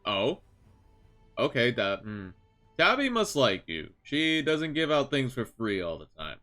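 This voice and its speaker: A man's voice: medium pitch, sing-song, unhurried, pushed and bright, soft background music. A man voicing an older male innkeeper in a tabletop game, stammering and hesitant at first, then blunt.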